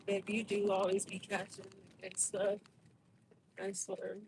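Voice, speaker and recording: A woman with an average-pitched voice banters as a livestream companion inside a car. She is slangy, teasing and affectionate. Faint background noise sits under her voice. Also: monotone, measured pace. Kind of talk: casual chat.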